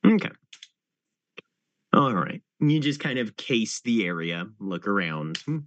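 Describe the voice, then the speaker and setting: Slow, low-voiced male storyteller. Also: sing-song, fairly bright tone, dull audio. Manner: unhurried, with many thinking pauses. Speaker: game master. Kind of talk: narrating a tabletop game.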